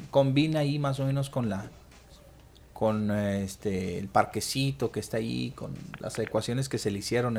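A radio call-in host with a northern Mexican border accent speaks casually at a medium pitch. He explains things in colloquial language and keeps checking that listeners agree.

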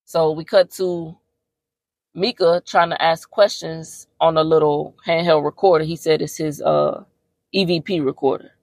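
A woman hosts a casual movie-recap podcast. She tells the story in a slangy, animated style with plenty of cursing. Her voice sits on the low side, and the sound is dry and close. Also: unhurried, no echo. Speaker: podcast host.

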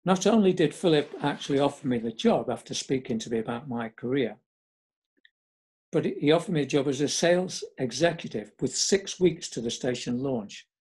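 Husky older man reminiscing. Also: mid-range voice, lively intonation, moderate pace, darkish tone. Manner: chatty, wry, reminiscing. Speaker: storyteller. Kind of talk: memoir storytelling.

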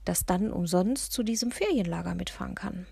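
A woman's voice: lowish voice, expressive, a little fast, vocal fry, dark tone, husky, no echo, heavily acted. A woman reading a story voices an eager, cheerful schoolgirl who gushes her thanks. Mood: conspiratorial. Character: excited cheerful young schoolgirl.

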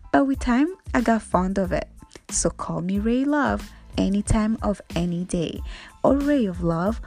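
A woman's voice: mid-range voice, gravelly, darkish tone. A young woman from Rwanda hosting her own podcast, upbeat and playful, giving a motivational talk. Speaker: podcast host. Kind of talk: solo podcast monologue.

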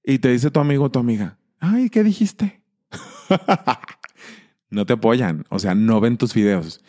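A man's voice: lowish voice, lively intonation, a little fast, warm tone. A man hosting his channel in a casual monologue, talking emphatically with frequent restarts. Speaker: channel host.

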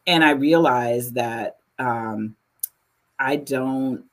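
Woman, 40s, interview guest: very deep voice, reflective and measured, pauses to restart. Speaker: interview guest, university administrator. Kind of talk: conversational interview.

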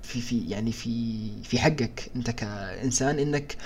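A man's voice: mid-range voice, moderate pace, husky. A man with a Sudanese accent co-hosting a casual discussion, careful and qualifying his words as he goes. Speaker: show co-host.

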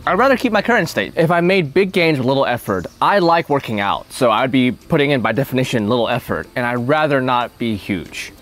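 A man's voice: mid-range voice, expressive, fairly quick, hardly any pauses, a bit bright, soft background music. A young man in casual chat, answering would-you-rather questions, playful and thinking aloud with frequent laughs.

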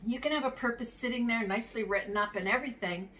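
A woman's voice: fairly high pitch, quick pace, fairly bright tone. Woman giving practice-management advice, distant mic. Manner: conversational, tells anecdotes, chuckles now and then. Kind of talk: solo advice talk to camera. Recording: somewhat distant mic with faint background noise.

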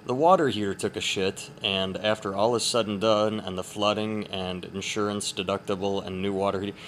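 A man podcasting casually, keeping subdued and quiet at night as he rambles and swears through his stories. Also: lowish voice, fairly even intonation, brisk. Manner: subdued, holding back as others sleep nearby; profane, rambling storyteller. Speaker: podcast host. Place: upstairs room at home at night. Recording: clear background noise in room.

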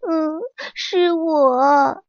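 A woman's voice: high voice, fairly even intonation, no echo, muffled recording, pitched above the performer's own voice, heavily acted. A woman doing a whimpering, sickly peach tree. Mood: pained pleading. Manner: slow, faltering and pleading. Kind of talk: storybook character voice.

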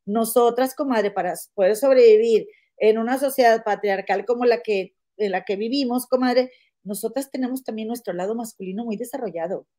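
A woman hosting a casual gossip podcast, chatty and animated, often calling her listener "comadre". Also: a little high, brisk. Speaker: podcast host.

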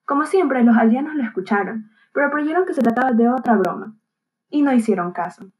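Gentle woman narrating a bedtime story. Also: a little high, expressive, brisk, low-quality recording.

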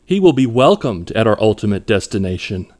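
A man voicing a grandiose male cult leader who speaks slowly and solemnly, like a preacher. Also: on the low side, sing-song, a little mellow.

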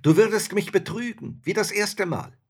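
A man's voice: high voice, moderate pace, slightly rough, pitched above the performer's own voice. Man doing a fearless young student. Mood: firm. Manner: calm, matter-of-fact replies. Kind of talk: storybook reading.

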